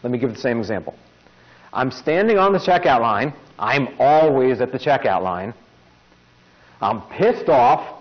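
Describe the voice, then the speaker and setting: A man's voice: mid-range voice, expressive, normal speed. A man giving an informal self-help talk as a podcast host. He mixes wry, jokey asides into his explanations. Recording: dull lo-fi recording.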